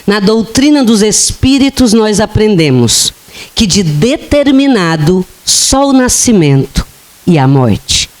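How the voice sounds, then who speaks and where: Slow, unhurried woman spiritist lecturer. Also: medium pitch, very animated, darkish tone. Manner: slow, humorous storytelling with acted-out quotes. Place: lecture hall of a spiritist center.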